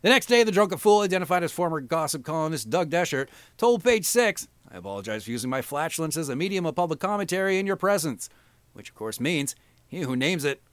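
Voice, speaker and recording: A man's voice: a little high, very animated, quick pace, dry recording. A middle-aged man hosting a podcast, reading crude satirical news with a profane, mocking, sarcastic delivery. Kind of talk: crude comedic news parody.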